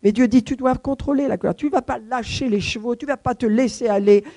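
A woman's voice: fairly high pitch, fast talker, mellow, no room sound. A woman preaching a sermon to her congregation, stressing scripture lines with repetition and rhetorical questions.

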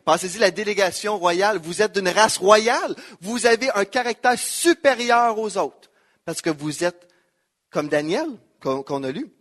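A man's voice: sits high, expressive, unhurried, a bit bright. A man with a Quebec French accent preaching a sermon, emphatic, repeating key phrases and quoting scripture. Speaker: pastor.

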